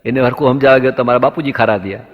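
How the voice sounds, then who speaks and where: A man's voice: mid-range voice, racing. A man doing stand-up comedy, telling anecdotes and acting out both sides of the dialogue up to the punchline. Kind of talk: stand-up comic storytelling. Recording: dull lo-fi sound with long hall reverb.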